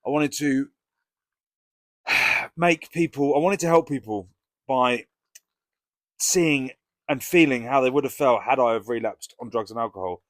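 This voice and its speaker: A man's voice: mid-range voice, unhurried, pauses often, fairly bright tone, no room sound. British guy vlogging, talks frank and sweary, casual, pretty dry sound. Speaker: recovery vlogger. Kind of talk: casual chat to camera.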